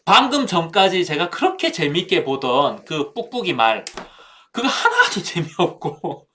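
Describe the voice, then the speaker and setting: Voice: medium pitch, wildly swooping pitch, unhurried, sharp tone. A speaker at a Bible seminar telling a childhood story in a Bible talk, using vivid sound words and addressing listeners directly.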